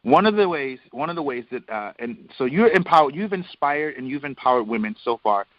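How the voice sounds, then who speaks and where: Over a dull, lo-fi phone line, a man conducts a conversational interview, emphatic and repeating phrases as he builds his point. His medium-pitched voice is animated and a little fast, with no echo.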